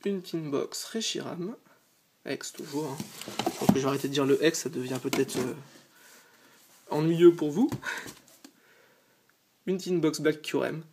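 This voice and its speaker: Heavy background noise surrounds this tired host in his sofa-side unboxing vlog. He speaks unhurriedly in a slightly high voice, leaving long pauses, though he stays eager and chatty with plenty of hesitations.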